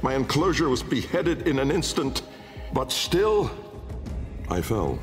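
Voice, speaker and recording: This tense, dramatic game monologue features a male actor as a brooding, haunted aristocratic inventor recounting his memoir. His gravelly voice is medium-pitched with big pitch swings, delivered grandly and deliberately with weighty pauses, under music and long cavernous reverb.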